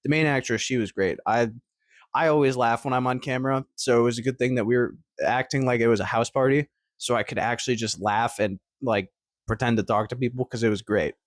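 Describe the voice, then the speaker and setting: A man's voice: mid-range voice, fairly even intonation, brisk, no echo, studio quality. A man of twenty telling stories to camera in a rambling, upbeat way, with lots of fillers and restarts. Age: 20s. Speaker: vlogger. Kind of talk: casual storytelling to camera.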